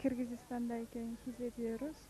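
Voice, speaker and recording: A young woman from Kyrgyzstan with a Kyrgyz accent, a student answering interview questions in broken, halting learner's Turkish. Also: on the high side, little pitch movement, rough recording. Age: young adult. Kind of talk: informal on-camera interview.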